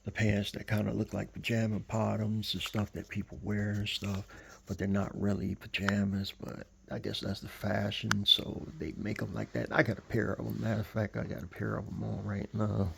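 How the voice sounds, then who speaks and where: Gravelly man rambling through a story. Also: on the low side, little pitch movement, a bit bright, slight background noise. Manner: rambling, halting, full of fillers and self-corrections. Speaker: vlogger recounting a dream. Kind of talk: casual storytelling.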